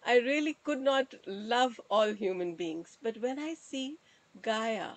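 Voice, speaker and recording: A woman's voice: fairly high pitch, animated, slow pace, dry recording, low-quality recording. A woman sharing a personal reflection in a group circle, earnest and hesitant, with fillers and repeated words. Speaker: circle participant.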